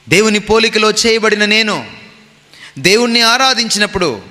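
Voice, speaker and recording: Lively high-voiced preacher in a hall. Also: male voice. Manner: emphatic preaching, mixing in English phrases. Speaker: pastor. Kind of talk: sermon.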